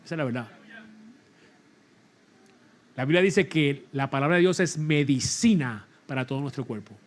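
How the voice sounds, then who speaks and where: A middle-aged man, preaching a lively sermon in a church, laughing often and calling for the congregation to repeat after him. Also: a little high, moderate pace. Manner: animated preaching with laughter and call-and-response. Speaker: pastor. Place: church sanctuary.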